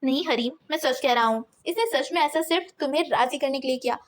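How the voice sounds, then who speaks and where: A man's voice: very high voice, fast, a little hiss or hum. A woman voicing a stubborn, protective young man in an audiobook, firm and pleading by turns. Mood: coaxing.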